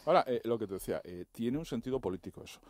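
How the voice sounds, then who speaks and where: Rapid-fire male radio panelist. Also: mid-range voice, lively intonation, a little mellow. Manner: rapid, anecdotal storytelling. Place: radio studio. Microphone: studio microphone.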